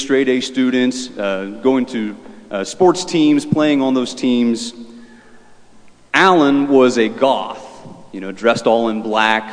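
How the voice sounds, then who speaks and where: A man serving as priest, reading the Gospel in a measured way and then preaching a homily as earnest storytelling, his voice carrying a cathedral echo. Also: medium pitch. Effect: cathedral echo, long church reverb. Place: large church. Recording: echoey church with long reverb.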